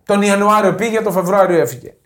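A man co-hosting a casual football podcast, teasing his friends with lively banter. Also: high-pitched. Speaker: podcast co-host.

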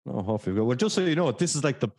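A man's voice: mid-range voice, very animated, rapid-fire, creaky, darkish tone, dry recording, clean studio sound. A man from County Clare with a west of Ireland accent, hosting a casual podcast interview in a jokey, self-deprecating way. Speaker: podcast host.

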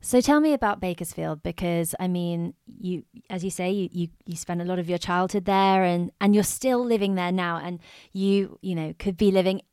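A woman's voice: on the low side, normal speed, a little mellow, clear, resonant tone, no room sound, studio quality. A woman hosting a podcast, introducing and interviewing her guest in a presenter's style. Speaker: podcast host and travel journalist.

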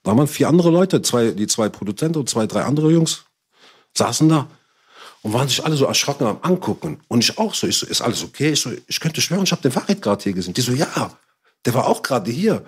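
A man with a husky, slightly breathy voice tells a story in loose street slang. He talks casually at a middling pitch and acts out what other people said. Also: fast. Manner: slangy and animated, swears he is not lying, acts out others' lines. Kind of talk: casual chat, telling an anecdote.

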